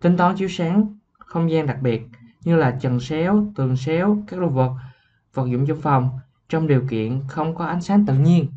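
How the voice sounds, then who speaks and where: A young man, a student, explaining software in a class report, halting at times and clearing his throat. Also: a little high, lo-fi sound. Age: young adult. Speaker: student presenter.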